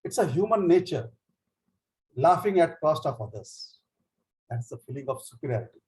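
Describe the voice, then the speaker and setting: A man with an Indian English accent leads a speech training session, explaining in a lively way with frequent fillers and retelling jokes in small acted voices. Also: a little high, normal speed, rough recording. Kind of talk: online education session.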